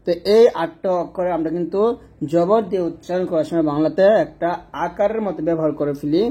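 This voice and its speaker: A man's voice: a little high, quick pace, dark tone, husky. A man teaching Quran recitation rules in a casual, step-by-step lesson, often repeating points and checking understanding.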